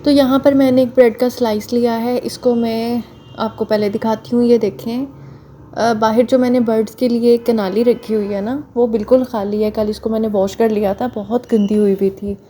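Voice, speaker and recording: A slightly hoarse woman, chatting homely and directly to viewers while narrating her chores. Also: on the high side, flat delivery, normal speed, mellow, a little hiss or hum. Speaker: home vlogger. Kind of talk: casual voice-over narrating chores.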